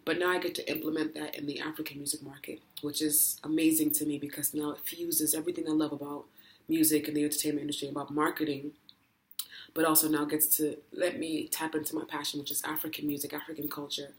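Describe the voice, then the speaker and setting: A woman's voice: deep voice, little pitch movement, fast talker. A woman vlogging while eating a meal, chatty and full of ums and likes, hiccuping from being full. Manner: chatty, filler-heavy with frequent ums and likes. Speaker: mukbang vlogger. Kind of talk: casual chat while eating. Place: indoors, home in Dubai. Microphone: camera mic, no tripod.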